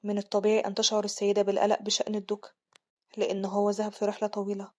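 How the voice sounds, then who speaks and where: A woman with an Egyptian accent voicing a middle-aged male head butler who muses with measured worry. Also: medium pitch, completely flat delivery, warm tone, pitched below the performer's own voice, lightly acted. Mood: concerned. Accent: Egyptian Arabic.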